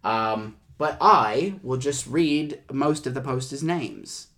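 A man hosting a comedy show in improvised chat, talking in a rambling, halting and effusive way. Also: medium pitch.

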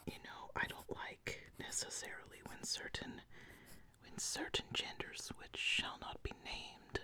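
Lady doing a whispered role-play as a fantasy tailor, musing over the design with a client, really slow and whispery. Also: bright, forceful tone. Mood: musing, approving. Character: thoughtful fantasy tailor designing ball garments.

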